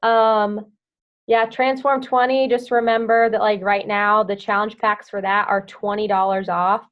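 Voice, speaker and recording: A woman's voice: medium pitch, level tone, measured pace. Young woman, team coach, casual and rambling with lots of fillers. Lo-fi, muffled audio. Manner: chatty, heavy use of "like" and "um", hums filler sounds. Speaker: team coach leading a group call. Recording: dull lo-fi audio.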